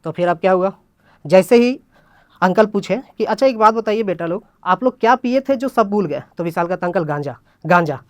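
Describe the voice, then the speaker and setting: A man's voice: sits high, normal speed, no echo, studio quality. A young man at an open mic stage, telling a comic story and acting out his friends' voices as he goes. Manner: acts out friends' voices in a lively retelling. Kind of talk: stand-up storytelling.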